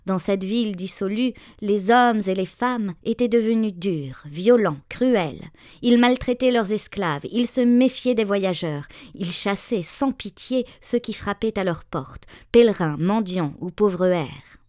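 A woman narrating a storybook tale in a measured, expressive reading voice. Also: medium pitch, dry recording, studio quality.

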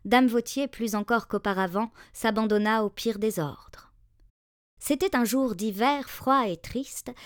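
A woman narrating a fairy tale in a measured, expressive reading voice. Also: mid-range voice, dry recording, studio quality. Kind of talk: storybook narration.

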